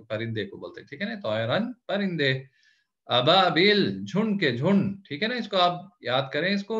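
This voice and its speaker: Patient male teacher with a lively, rising voice. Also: mid-range voice, muffled recording. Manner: patient, repeating each word with its meaning; keeps checking in with "theek hai na?". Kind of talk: Quran word-by-word grammar lesson.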